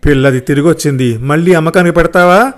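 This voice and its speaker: A man's voice: medium pitch, fairly even intonation, normal speed, mellow, voice pushed down, natural voice. A man voicing a poor, worried mother who turns fierce to protect her daughter.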